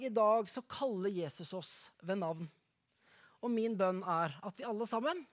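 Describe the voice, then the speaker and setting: A woman preaching, retelling a story slowly and dramatically, then leading a prayer, often falling to a soft hush. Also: medium pitch.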